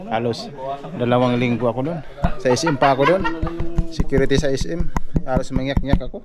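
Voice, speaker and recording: A man's voice: mid-range voice, brisk, loud music behind the voice. A man chatting casually for his vlog, talking to viewers and laughing often. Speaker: vlogger. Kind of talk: casual outdoor vlog chat. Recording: loud background noise.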